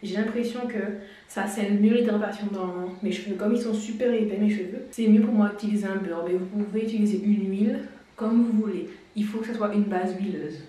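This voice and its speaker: A woman's voice: mid-range voice, steady tone, brisk, warm tone. A woman giving a casual hair-care tutorial, chatty and explanatory, and now and then she laughs at herself. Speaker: beauty vlogger. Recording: very echoey room, distant mic.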